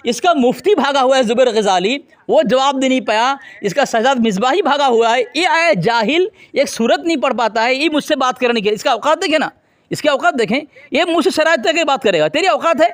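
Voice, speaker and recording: A man with a very high voice debates hotly on a call. He taunts and insults his rival, repeating his claims and demanding proof. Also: lively intonation, fairly quick, fairly bright tone. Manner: combative, taunting, insulting the opponent. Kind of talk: heated religious debate.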